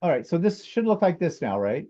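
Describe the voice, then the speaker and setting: A man's voice: a little high, sing-song, fairly quick, dark tone. A man chatting while he sews on a live quilting stream, dry and sarcastic, heard over a video call. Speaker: quilter guest. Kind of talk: casual chat while sewing on a live stream. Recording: muffled video-call audio.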